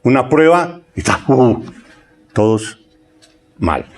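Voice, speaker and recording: Man, sermon, reads scripture slowly, asks "¿sí?" often. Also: mid-range voice, big pitch swings. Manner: conversational preaching with frequent "¿sí?" checks and word repetitions; reads scripture aloud, stretching key phrases slowly. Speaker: preacher.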